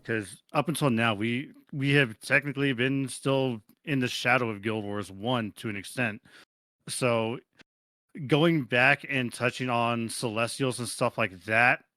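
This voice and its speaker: A man co-hosting a casual chat, explaining points in quick, thought-out runs. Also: medium pitch, steady tone, sharp tone, no room sound. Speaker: co-host.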